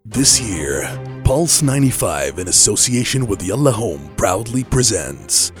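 A man's voice: lowish voice, sing-song, unhurried, soft background music. A man delivering theatrical, grandiose announcements in the style of a film trailer. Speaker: voice impressionist. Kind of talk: mock movie trailer announcing.

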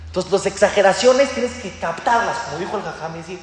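A man giving a religious talk to an audience. He teaches in an animated way, acting out little dialogues and asking rhetorical questions. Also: sits high, quick pace. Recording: very echoey hall with long reverb.

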